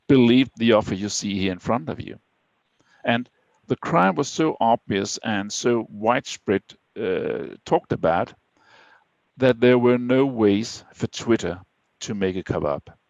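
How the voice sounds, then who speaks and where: A Danish man presents a prepared webinar talk in English with a Danish accent, measured and slightly halting. His voice is medium-pitched, and the recording is dry and lo-fi.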